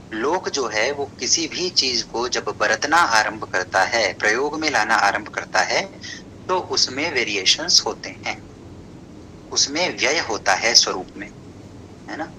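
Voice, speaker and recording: A man's voice: mid-range voice, bright, forceful tone, a little hiss or hum, low-quality recording. A man teaching a class, lecturing and asking questions that he answers himself, with English terms mixed in. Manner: mixes English terms into Hindi.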